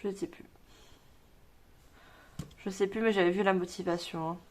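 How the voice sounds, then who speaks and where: A woman's voice: medium pitch, fairly even intonation, normal speed, darkish tone, slight background noise. Woman, tarot reading video, rambling, self-repeating, reads cards aloud. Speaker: tarot reader.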